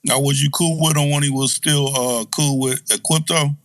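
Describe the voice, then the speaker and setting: A man asking relaxed questions in a casual interview, mostly short reactions. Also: on the high side, normal speed.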